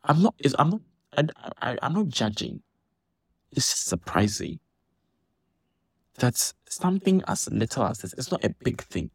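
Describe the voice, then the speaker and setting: A church member delivers a casual, indignant monologue about a dispute, his slightly husky, medium-pitched voice animated yet unhurried. He pauses often and keeps restarting sentences as he works through his point. The recording is dry and close, with no room sound.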